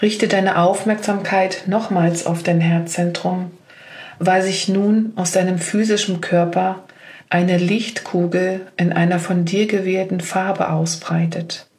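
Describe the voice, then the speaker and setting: Slow, flat-voiced woman guiding meditation. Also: on the low side. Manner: slow, gentle spoken instructions. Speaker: meditation guide. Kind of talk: guided meditation.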